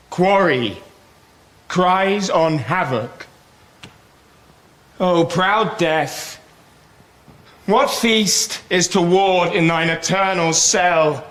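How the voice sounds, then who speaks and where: An actor playing a commanding young warrior prince, grave and declamatory, in a classical Shakespearean drama. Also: male voice, sits high, fairly bright tone, exaggerated voice. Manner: declamatory, stately. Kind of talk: classical Shakespearean stage acting. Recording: roomy echo on the voice.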